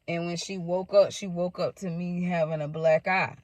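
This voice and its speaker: A woman's voice: on the low side, steady tone, normal speed, darkish tone, no echo, lo-fi sound. Candid, profane woman telling a story. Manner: candid, profane, addresses viewers directly. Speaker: storytime vlogger. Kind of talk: casual personal storytelling.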